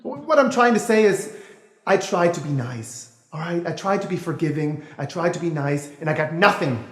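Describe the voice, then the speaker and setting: A man's voice: a little high, animated, moderate pace, echoey room, long reverb tail, lightly acted. An actor playing a bitter, cynical man who rants sarcastically and keeps correcting himself with nervous laughs. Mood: bitter ranting. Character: bitter, cynical adult man ranting about lost faith. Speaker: actor in a stage-style monologue. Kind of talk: dramatic monologue.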